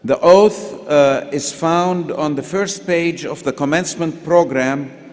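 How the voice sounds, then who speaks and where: A man leading new physicians through the oath at a ceremony, slow, measured and commanding. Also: a little high, darkish tone. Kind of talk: formal ceremonial address. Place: large arena. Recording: reverberant arena PA sound.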